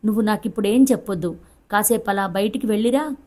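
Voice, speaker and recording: A woman's voice: mid-range voice, quick pace, a little mellow, close to an everyday voice. A woman voicing an anxious older mother who scolds her grown son in a tearful voice, in a Telugu audiobook reading. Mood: commanding.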